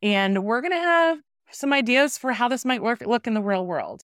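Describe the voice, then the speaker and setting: A woman in her forties co-hosting a podcast, chatting casually and telling animated stories with playful voices for the people in them. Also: fairly high pitch, moderate pace, clean tone, dry recording, clean studio sound. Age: 40s. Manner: animated storyteller, acts out voices in anecdotes. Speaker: podcast co-host. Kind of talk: casual chat.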